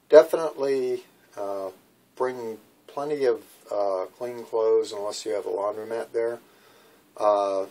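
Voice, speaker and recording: A man in his sixties rambles through a casual vlog from a small boat cabin, leaning on fillers and holding his phone camera at arm's length. His voice sits on the low side and sounds a little mellow.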